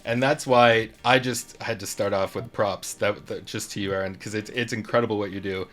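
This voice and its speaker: A man's voice: fairly low pitch, fairly even intonation, normal speed, fairly bright tone, soft background music. A young man hosting a casual interview and song game, upbeat and teasing, talking at length. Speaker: show host.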